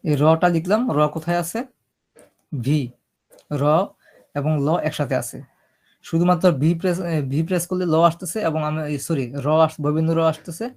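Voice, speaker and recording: A man's voice: a little high, fairly even intonation, normal speed, long pauses. Man teaching typing. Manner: explains step by step, often checking "ঠিক আছে?". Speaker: computer typing instructor. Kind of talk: screen-recorded typing lesson.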